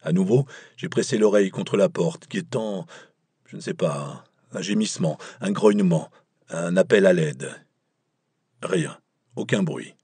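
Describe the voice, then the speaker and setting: A man reads a first-person thriller with a measured, wry delivery. His voice sits very low and sounds husky. The recording is dry, with no room sound. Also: warm tone, no echo. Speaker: audiobook narrator. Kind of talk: audiobook narration.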